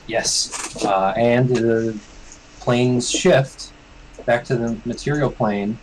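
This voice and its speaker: A man acting as game master, narrating a tabletop game in a measured way with pauses between phrases. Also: mid-range voice, fairly even intonation, a little hiss or hum, low-quality recording.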